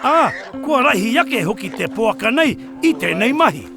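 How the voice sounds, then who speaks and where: A man's voice: very high voice, very animated, normal speed, creaky. A man delivering spirited documentary narration. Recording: music under the voice.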